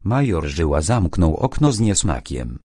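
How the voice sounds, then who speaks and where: A man reading a crime novel audiobook in the first person, measured and even. His voice is very low and unhurried. The recording is dry and close, with no room sound. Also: slightly rough, no echo. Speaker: audiobook reader.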